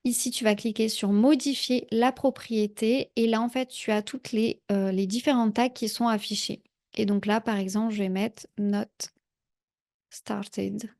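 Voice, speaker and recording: A woman talking a viewer through a software tutorial in a casual, chatty way, with frequent fillers. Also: on the high side, fairly even intonation, normal speed. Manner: chatty, many "heu" fillers, speaks directly to viewer. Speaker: productivity tutorial creator. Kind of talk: casual screen-share tutorial.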